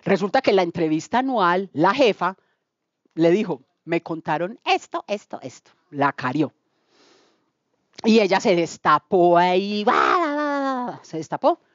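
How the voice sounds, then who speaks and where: A woman's voice: fairly low pitch, very animated, unhurried, no room sound, muffled recording. A woman with a Colombian accent giving a spoken testimony to a church group, telling her story with relish and acting out the dialogue. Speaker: testimony speaker.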